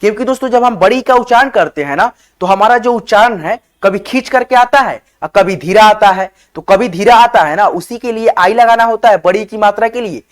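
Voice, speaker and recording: A man teaching an online spelling lesson, slowly spelling words out letter by letter and often checking in with his viewers as friends. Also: high-pitched. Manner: often says "okay, friends". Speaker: English teacher.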